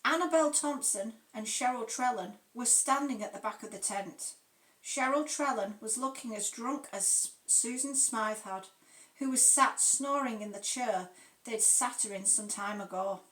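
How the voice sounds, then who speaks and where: A woman author reads her cozy mystery aloud in a steady, even narration. Her voice sounds distant and echoes around the room. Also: fairly high pitch, unhurried. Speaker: author reading her own book. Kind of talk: audiobook narration. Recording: echoey room, mic far off.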